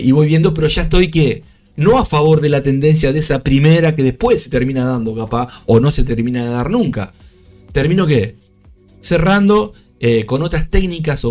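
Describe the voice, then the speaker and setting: A man with a Rioplatense Spanish accent hosting a live trading stream, talking fast about charts. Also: a little high. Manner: fast, animated talker.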